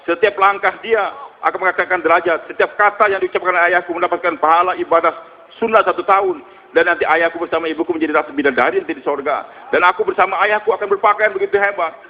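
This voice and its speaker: A man's voice: high voice, steady tone, quick pace, lightly acted. A man voicing a proud young boy who boasts to his friends. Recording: muffled with long hall reverb.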